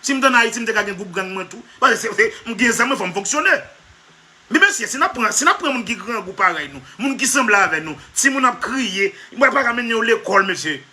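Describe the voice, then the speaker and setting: A man's voice: high-pitched, expressive, fairly quick, pushed and bright. A man giving a comic monologue, emphatic and repetitive, often half-laughing as he talks. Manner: emphatic, repetitive, keeps addressing "monsieur". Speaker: comedy vlogger.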